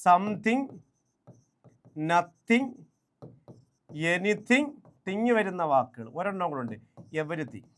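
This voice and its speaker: A man gives an exam-prep grammar lesson, drilling examples one after another. He speaks slowly in a fairly high voice and keeps stopping to quiz the listener. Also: sing-song, a bit bright. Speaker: English exam coaching teacher.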